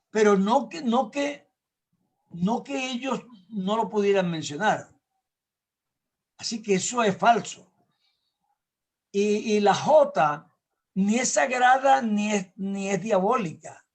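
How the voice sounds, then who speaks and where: High-voiced older preacher explaining scripture. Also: male voice. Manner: emphatic, repeats words when stressing a point; explains with everyday examples, asks listeners to agree. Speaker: pastor. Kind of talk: sermon teaching.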